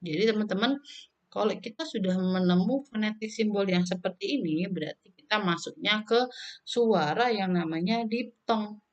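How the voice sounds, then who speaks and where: A woman teaching English pronunciation in a casual recorded lesson, loudly modeling each sound and repeating it with friendly filler tags. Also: medium pitch, moderate pace, dull audio.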